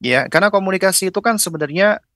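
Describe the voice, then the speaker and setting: Bright-voiced male preacher, dry close sound. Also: high-pitched, lively intonation, fast talker, no echo. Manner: explains step by step, acting out gentle parent-child dialogue; fills with "ya" and "apa namanya". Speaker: Islamic preacher on parenting. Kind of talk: religious parenting lecture.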